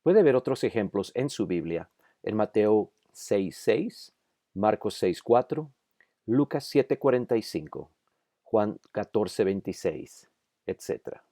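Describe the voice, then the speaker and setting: A man delivers a scripted grammar lesson at a very slow, measured pace, lingering on each example word. His voice sits low and mellow. The recording is dry and close, with no room sound. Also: sing-song, no room sound. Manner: slow, careful, over-articulated example words. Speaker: Bible institute instructor. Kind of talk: scripted instructional narration.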